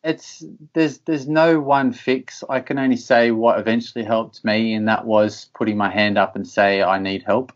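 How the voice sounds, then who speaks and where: A man's voice: lowish voice, steady tone, normal speed, hardly any pauses, lo-fi sound. A man speaking candidly in an interview, earnest, often repeating words to stress a point. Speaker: podcast guest.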